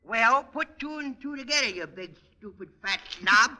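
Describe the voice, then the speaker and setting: A man's voice: very high voice, expressive, moderate pace. A man voicing a mischievous little boy troublemaker in a 1940s radio comedy, brash and full of bad grammar. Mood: boastful. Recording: noisy old radio broadcast.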